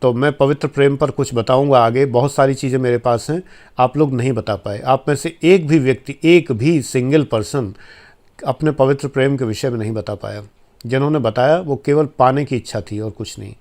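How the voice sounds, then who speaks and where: A former administrator and life coach from India, now in his fifties, addresses viewers in an informal lecture. His medium-pitched, darkish voice moves at a moderate pace, and he sounds earnest and admonishing.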